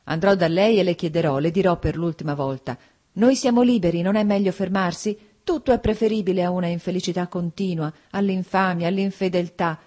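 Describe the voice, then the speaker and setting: A woman's voice: fairly low pitch, fairly quick, dark tone, natural voice. A woman reading a novel aloud, voicing an anxious, tormented young man who pleads earnestly. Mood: pleading. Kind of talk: audiobook character reading.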